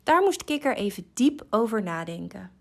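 A woman reading a children's story aloud, slow, gentle and expressive. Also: mid-range voice, gravelly.

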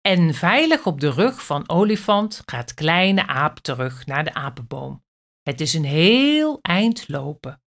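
A woman reading a children's story aloud at an unhurried pace. Her voice rises and falls a great deal as she tells it. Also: sits low. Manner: lively, expressive.

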